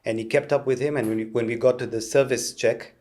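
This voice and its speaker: A man, a guest on a podcast, telling stories in a relaxed way and tagging his lines with "dude" and "huh?". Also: mid-range voice, fast. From Kenya. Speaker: guest, car builder. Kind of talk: casual interview chat.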